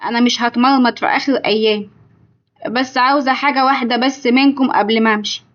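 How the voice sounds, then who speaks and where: A woman's voice: on the high side, fairly even intonation, fast, fairly bright tone, lo-fi sound, natural voice. A woman voicing a sad, wounded aging mother with an Egyptian accent, in a told story. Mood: grieving. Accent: Egyptian Arabic. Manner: sorrowful, reproachful.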